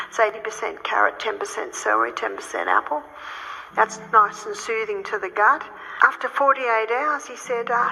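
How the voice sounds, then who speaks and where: A woman health educator telling stories in a lecture, animated and acting out the people she quotes. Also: fairly high pitch, vocal fry. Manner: animated, acts out quoted speakers. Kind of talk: storytelling lecture. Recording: reverberant hall with faint noise.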